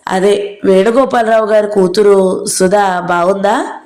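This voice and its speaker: A woman doing a weary, gentle mother. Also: mid-range voice, a little slow, natural voice. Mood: subdued. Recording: roomy echo.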